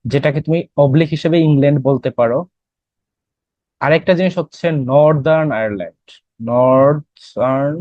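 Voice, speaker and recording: With a mid-range, slightly mellow voice, a young man with a Bangladeshi accent teaches English for admission tests, explaining in Bengali with English terms and questioning his students. The recording is dry and lo-fi.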